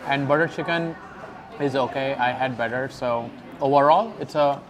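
Eating his way through a restaurant meal, a young vlog host describes each dish in a relaxed way as he chews. His voice is medium-pitched at normal speed, picked up by a lapel mic over the diners' chatter.

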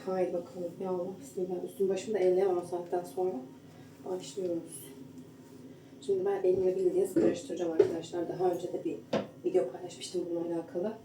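A woman's voice: on the low side, distant mic. A young woman chatting to viewers while she cooks at home, now and then keeping her voice down for a sleeping family. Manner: hushed at times so as not to wake her husband and baby. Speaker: home cooking vlogger. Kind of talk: casual kitchen vlog chat. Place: home kitchen. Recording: roomy kitchen echo, camera set back, household noise.

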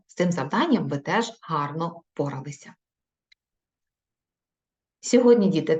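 A woman teaching young children in a recorded video lesson, speaking slowly in an encouraging, sing-song way. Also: sits low. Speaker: primary school teacher. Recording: dull lo-fi recording.

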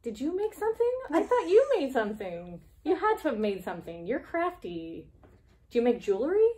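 Her voice is on the high side, sing-song and warm, and she speaks briskly. As a preschool devotion host in a small indoor classroom, she chats with little ones, reads aloud and asks simple, encouraging questions.

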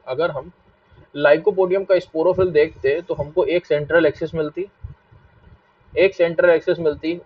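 Man teaching a lo-fi online biology class. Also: a little high. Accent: Hindi. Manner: repetitive, asks students questions and scolds them to stop fighting. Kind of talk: live online class lecture. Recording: dull lo-fi mic, a bit distant.

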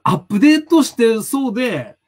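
A man speaking with a Tsugaru dialect accent hosts a casual live-stream chat as a personality psychology lecturer. His very high voice swings widely in pitch at a brisk pace, and he rambles and hunts for words with lots of fillers.

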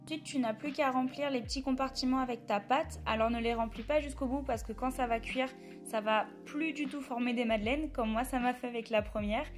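A woman's voice: on the high side, fairly quick, soft background music. A young woman narrating her home cooking steps in a chatty voice-over, talking straight to the viewer. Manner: chatty, addresses the viewer directly. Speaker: cooking vlogger. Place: home kitchen.

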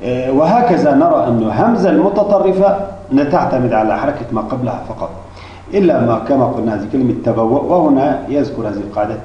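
A man with a mid-range voice teaches Arabic spelling rules step by step, speaking haltingly with frequent restarts, hesitations and fillers. The lo-fi recording is dull, with a distant mic, an echoey room and a little hiss or hum.

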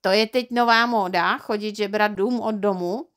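A woman voicing a gruff, stingy middle-aged male neighbour who mocks and argues loudly. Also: medium pitch, fairly even intonation, natural voice. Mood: mocking. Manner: mocking, loud.

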